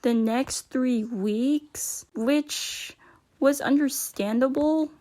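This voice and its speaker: A woman with a slightly high voice tells a personal story at a slow pace. Her delivery is casual and rambling, with informal, slangy wording. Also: dark tone. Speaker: storyteller recounting a personal experience.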